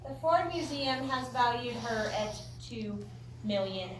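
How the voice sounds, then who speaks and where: American female ghost tour guide, informal and jokey storyteller, fairly high voice, picked up from afar with clear noise. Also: animated, a little slow. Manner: folksy, joking, chatty storytelling. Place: indoor room of an old theatre. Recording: roomy echo, distant mic, clear background noise.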